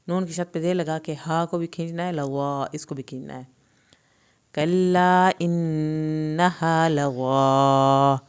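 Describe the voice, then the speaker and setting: Low-voiced woman teaching Quran recitation. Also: darkish tone. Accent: Pakistani Urdu. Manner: recites verses slowly and drawn out, then explains rules quickly. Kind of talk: tajweed lesson, reciting then explaining.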